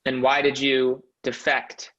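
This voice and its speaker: A man hosting a podcast interview, speaking in an earnest, measured way. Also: medium pitch, monotone, fairly bright tone. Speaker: podcast host. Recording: slightly dull, lo-fi audio.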